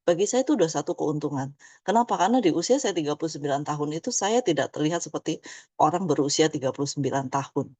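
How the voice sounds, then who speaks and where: A woman's voice: low voice, lively intonation, quick pace, mellow, breathy edge, no room sound. A woman in her fifties giving a chatty motivational presentation, tagging many phrases with "ya". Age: 50s. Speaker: business presenter.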